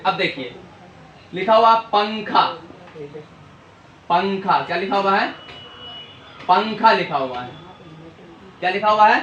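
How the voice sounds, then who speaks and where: A man's voice: sits high, fairly bright tone, lo-fi sound. A man teaching a language lesson at a board, asking questions and answering them himself in a call-and-response style. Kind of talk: classroom lesson at a whiteboard. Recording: echoey room with faint hiss.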